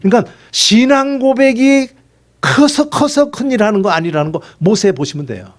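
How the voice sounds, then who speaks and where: A man's voice: very high voice, lively intonation, moderate pace. A male pastor preaching a sermon in a conversational way and acting out dialogues.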